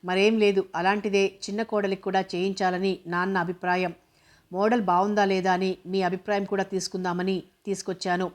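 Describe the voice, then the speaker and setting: A woman's voice: mid-range voice, flat delivery, a little fast, close to an everyday voice. A woman voicing a proud, mocking young man. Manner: proud, mildly sarcastic.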